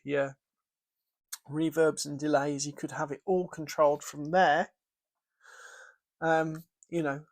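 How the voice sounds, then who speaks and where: A British man casually walking through his guitar pedalboard setup, thinking aloud with fillers and restarts. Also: on the high side. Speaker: guitar gear presenter. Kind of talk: casual gear demo.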